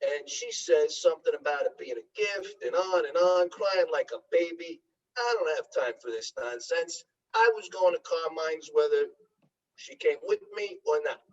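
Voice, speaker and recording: An actor playing a brash, crude, middle-aged mobster-type fiancé who swaggers and wisecracks in a comedy courtroom sketch. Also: male voice, on the high side, lively intonation, normal speed, far from the mic, highs cut off, close to an everyday voice. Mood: swaggering. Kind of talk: comedic courtroom parody acting.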